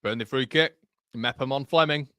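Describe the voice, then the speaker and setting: With a bright, forceful medium-pitched voice at normal speed, a Yorkshire-accented watchalong host calls a live football match. Between moves he chats with viewers, reads the chat and laughs at his own jokes. The sound is clean studio audio with no echo.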